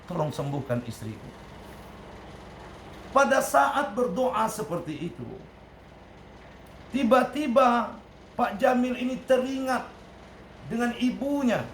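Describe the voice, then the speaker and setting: A man's voice: very high-pitched, animated, takes it slowly, pauses often, a little hiss or hum. A male Islamic preacher telling a story in a sermon, with an emphatic delivery that rises and falls. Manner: emphatic, rising and falling delivery. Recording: echoey room, faint ambience.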